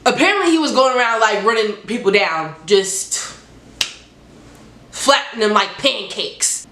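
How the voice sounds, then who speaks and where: A woman with a lowish, fairly bright voice counts down her top ten films, reviewing them in casual, expressive slang. Allergies give her a stuffed-up, nose-held, nasal sound. She records on a handheld phone in an echoey home room, with slight background noise.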